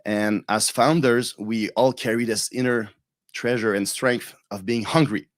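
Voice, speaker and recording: A man's voice: medium pitch, steady tone, a little slow, no room sound. A man with a French Canadian accent giving a live online talk, his voice a little shaky from a cold, telling a story earnestly with fillers and restarts. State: recovering from a cold, voice a bit shaky. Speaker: guest speaker.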